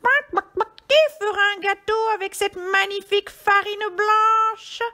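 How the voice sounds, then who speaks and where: A woman putting on a shrill little red hen. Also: little pitch movement, slow, pushed and bright, heavily acted. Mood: calling out. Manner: high-pitched, calling out.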